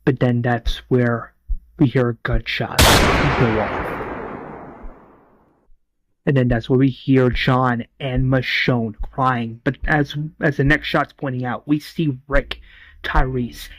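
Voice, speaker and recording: A man's voice: medium pitch, steady tone, slow, fairly bright tone, no room sound. A man casually retelling a fan series episode scene by scene, rambling with restarts and acting out quoted lines. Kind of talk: casual spoken retelling of a story.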